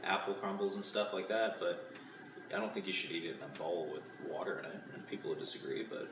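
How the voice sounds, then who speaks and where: A man's voice: low voice, fast. A young man hosting a casual food taste test, rambling with many fillers and laughing often as he chats. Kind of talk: casual chat. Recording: echoey, distant, noisy room.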